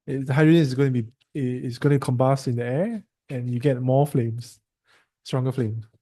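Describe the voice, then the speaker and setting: A man's voice: medium pitch, moderate pace, warm tone. A man with a Singaporean English accent tutoring a student through a science lesson, quizzing him and teasing him in a chatty way.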